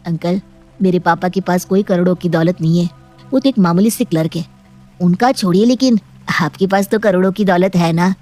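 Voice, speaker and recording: A woman voicing a cocky, greedy, jobless young man in an animated storybook, cheeky and mocking. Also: on the low side, moderate pace, soft background music, lightly acted.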